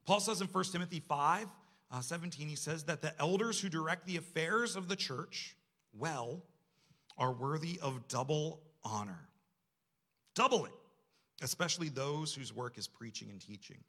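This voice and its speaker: A church staff member preaches to a congregation in a conversational, self-deprecating style, often throwing out rhetorical questions. His voice is on the high side, animated and sharp, at a normal speed.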